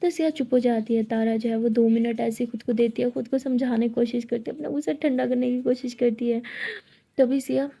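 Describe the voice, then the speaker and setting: A woman narrating a love story in a plain, steady storytelling manner. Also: a little high, brisk, gravelly, slightly rough.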